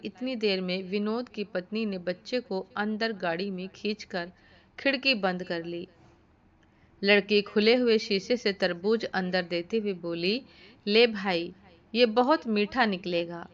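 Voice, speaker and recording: A woman narrating a devotional moral story in a slow, measured way. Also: medium pitch, a bit bright. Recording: dull lo-fi recording.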